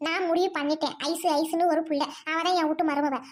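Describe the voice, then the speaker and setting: A furious rich village mother shrieks insults in a fast, piercing voice, played by a woman. She scolds without pause in a domestic audio drama. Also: very high voice, fairly even intonation. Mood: scornful. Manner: shouting insults, scolding hard.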